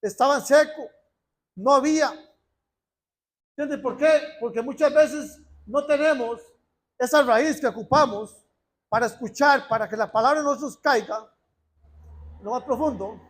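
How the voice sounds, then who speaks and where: A man preaching in church with a strikingly high voice. He hammers key words again and again with fervent repetition and slows right down when he reads scripture aloud. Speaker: lay preacher. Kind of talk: sermon.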